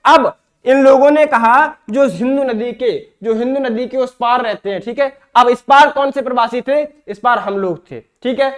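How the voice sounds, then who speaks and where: A male teacher with an eastern Uttar Pradesh Hindi accent gives an exam-prep lecture at normal speed, his voice very high-pitched. He often asks questions and answers them himself, repeating points as he goes.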